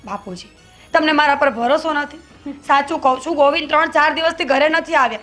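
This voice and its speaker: A loyal young wife caught between her husband and her family. She speaks in a high, earnest voice that keeps pleading. Faint film music plays underneath. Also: fairly quick, fairly bright tone. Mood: anxious, earnest.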